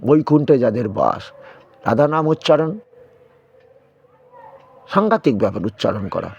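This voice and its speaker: A man's voice: mid-range voice, sing-song, unhurried, gravelly, a little mellow, husky, dull audio. A man giving a devotional sermon, admonishing his listeners with repeated rhetorical questions. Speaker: preacher.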